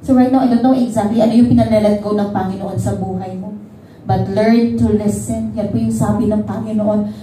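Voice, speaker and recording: Filipino woman pastor, altar call, high and mellow, echoey church sound. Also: a little hiss or hum. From Philippines. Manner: mixes Tagalog and English, repeats pleading phrases, drifts into singing. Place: church hall. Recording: echoey church hall, voice from far off, music behind.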